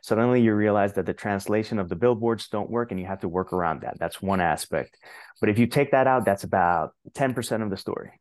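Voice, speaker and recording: A Puerto Rican translator and author, speaking with a Puerto Rican accent, guests on a conversational podcast interview and tells stories animatedly, frequently restarting his sentences. His voice is lowish and a little fast, with no room sound.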